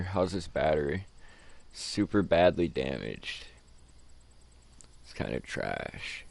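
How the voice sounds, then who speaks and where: A man's voice: sits low, darkish tone. Laid-back swearing male game streamer. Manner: laid-back, swears freely, says dude and man. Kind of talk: casual live-stream commentary.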